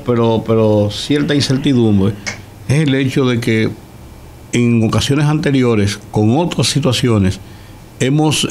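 A man hosting a radio interview, laying out his questions in a measured, thoughtful way. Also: mid-range voice, a little mellow, a little hiss or hum. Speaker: radio host. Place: radio studio.

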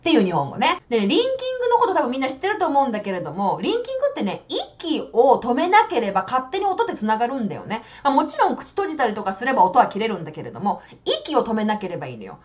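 Upbeat woman explaining english phrases, voice jumps up and down a lot, kinda muffled lo-fi sound. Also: fairly high pitch. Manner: chatty, animated, swings between Japanese and slow English examples. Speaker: English teacher. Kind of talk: casual English lesson explanation.

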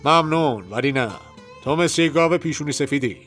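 A blunt cowboy hero with dry humor from a storybook retelling, as a male narrator puts him on. He talks in a fairly high, plain voice. Soft music plays behind him.

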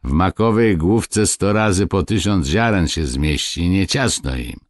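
A man voicing a poor, stubborn peasant who talks in a curt rustic dialect, louder and higher than his narration. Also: lively intonation, a little slow, no room sound, studio quality. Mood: plain-spoken.

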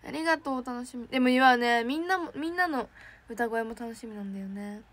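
Young woman, high voice, idol trainee, casual livestream chat, bubbly, excitable. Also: a little fast, no echo. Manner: chatty and bubbly, reacting with excited squeals. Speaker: idol trainee streaming to fans. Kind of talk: casual livestream chat reading fan messages.

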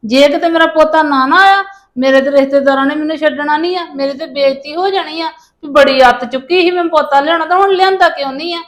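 A woman with a high-pitched voice plays a mother-in-law in a family drama. She pleads and apologises, full of self-pity, asking to be forgiven. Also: quick pace. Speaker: mother-in-law wanting her grandson back. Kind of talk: scripted village family drama.

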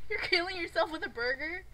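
Brief: high-voiced woman, dramatic and giggly, casual gameplay chat over a noisy recording. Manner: loud, giggly, dramatic protests. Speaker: channel owner playing a game with friends. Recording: noisy game-chat audio.

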